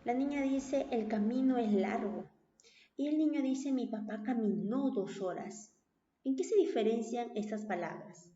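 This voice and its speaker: A woman's voice: on the high side, unhurried, dark tone. A woman teacher giving a recorded class, explaining patiently and checking in with tag questions. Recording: roomy, dull lo-fi recording.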